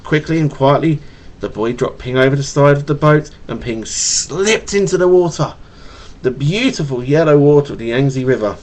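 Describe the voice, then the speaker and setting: A father with a fairly high, slightly mellow voice and lively intonation reads a picture book aloud to his child before bed, at normal speed. He stutters, stumbling and repeating words, in a home recording made with a webcam microphone.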